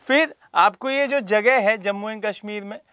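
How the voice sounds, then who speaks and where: High-voiced male teacher quizzing his class. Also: moderate pace, pushed and bright, clear, resonant tone, no room sound. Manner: asks students rhetorical questions and calls on them by name. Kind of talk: classroom lecture for exam prep.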